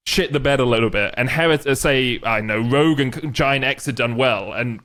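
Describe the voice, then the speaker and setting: A man's voice: medium pitch, fairly quick, fairly bright tone. A man co-hosting an esports podcast, giving rambling, wry analysis with dry jokes. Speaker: podcast co-host. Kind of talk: casual esports chat.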